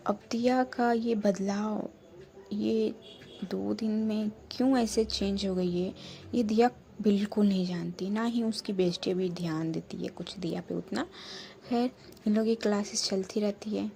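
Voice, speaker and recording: A woman's voice: medium pitch, steady tone, unhurried, creaky, mellow. A woman narrating a romance audio story in a chatty, casual way, framing each line of dialogue. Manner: chatty, repetitive framing of who says what.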